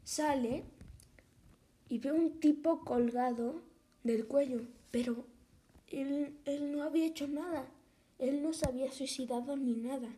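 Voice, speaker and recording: Woman storyteller, mellow and fairly high, rambling horror tale that slips into whispers. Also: measured pace, pauses often. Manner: rambling, self-correcting, often drops to a whisper.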